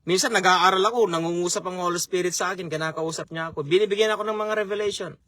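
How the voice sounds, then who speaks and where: Bright high-voiced male preacher. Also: fairly even intonation, fast talker, no echo. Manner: repeats key phrases for emphasis. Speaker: chaplain and preacher. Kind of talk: sermon.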